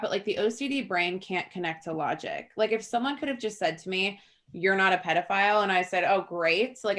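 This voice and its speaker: A woman's voice: medium pitch, a bit bright. A woman therapist talking as a podcast guest in a casual, chatty way, filling her speech with "like".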